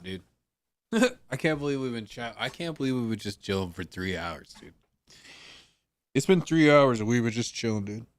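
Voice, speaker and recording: A low-pitched man rambles through a casual stream chat, swearing and restarting his sentences as he goes. The sound is close and dry, with little room echo. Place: home streaming setup.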